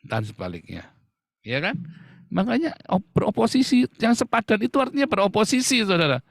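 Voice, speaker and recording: A man's voice: high voice, very animated, brisk, vocal fry, no room sound. A middle-aged man preaching a sermon to his congregation, acting out playful mock quotes as he goes. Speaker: pastor.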